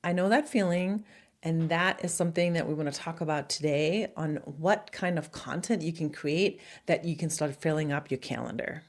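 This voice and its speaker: A woman's voice: low voice, normal speed. A middle-aged woman giving casual, upbeat marketing advice straight to camera as the host of her channel, laughing now and then.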